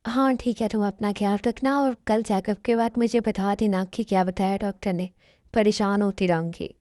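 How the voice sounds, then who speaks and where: A woman's voice: mid-range voice, steady tone, normal speed, warm tone, dry recording, studio quality, natural voice. A woman voicing a bossy, teasing young sister who scolds, in a fan dub. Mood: scolding.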